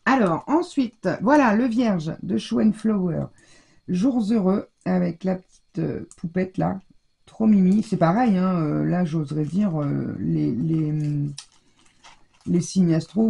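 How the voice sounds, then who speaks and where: A woman's voice: lowish voice, creaky, dark tone. A French woman casually showing her scrapbooking haul, chatty and rambling, with a scratchy throat and a stuffy nose. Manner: chatty, rambling, many fillers. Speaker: scrapbooking vlogger. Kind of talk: casual show-and-tell haul.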